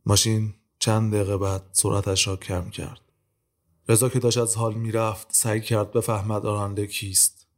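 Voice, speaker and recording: A man narrating an audio drama in a steady, measured way. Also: lowish voice.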